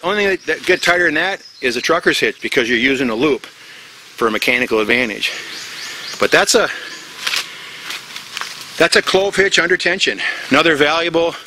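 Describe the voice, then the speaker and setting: Middle-aged outdoor instructor, bright edgy voice, casual step-by-step demo, faint background ambience. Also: male voice, a little high, a little hiss or hum. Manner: plain, step-by-step, repeats himself with fillers. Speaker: bushcraft instructor. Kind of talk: casual outdoor knot demonstration. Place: outdoors in tropical forest.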